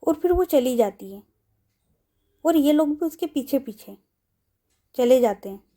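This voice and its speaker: A woman's voice: high-pitched, expressive, unhurried, mellow. A woman narrating a romance audio story, naming each speaker before their line.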